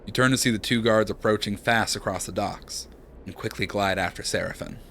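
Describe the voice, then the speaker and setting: A young man streaming a narrative game, reading its text aloud in a hushed, dramatic way and chatting with viewers. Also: on the low side, fairly even intonation, brisk, slight background noise.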